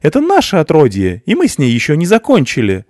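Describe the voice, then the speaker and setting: A man voicing a furious middle-class mother in an audiobook, shouting shrilly. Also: fairly high pitch, huge pitch swings, fast, no room sound, studio quality, pitched above the performer's own voice. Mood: shrieking.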